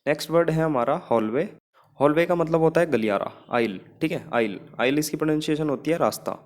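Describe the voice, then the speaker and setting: A man's voice: fairly high pitch, fairly quick. Indian man teaching vocabulary tricks. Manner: explains memory tricks, repeats phrases, frequent "theek hai". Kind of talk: exam-prep vocabulary lesson.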